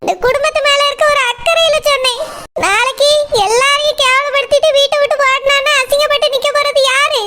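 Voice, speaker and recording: A woman's voice: very high-pitched, fairly even intonation, fairly quick, sharp tone, a little hiss or hum. A woman voicing a proud, humiliated elder daughter-in-law in a cartoon, complaining bitterly. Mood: aggrieved. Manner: aggrieved, complaining.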